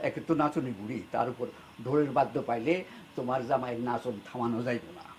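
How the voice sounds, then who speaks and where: A man's voice: mid-range voice, fairly even intonation, quick pace, a little hiss or hum, close to an everyday voice. An actor playing an older father-in-law in a comic TV drama, grumbling and defensive toward his wife.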